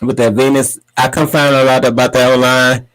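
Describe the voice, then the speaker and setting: A man hosting a podcast, giving sassy, dramatic gossip commentary and often jumping into high, mocking voices. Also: little pitch movement, moderate pace, fairly bright tone, rough recording. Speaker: podcast host.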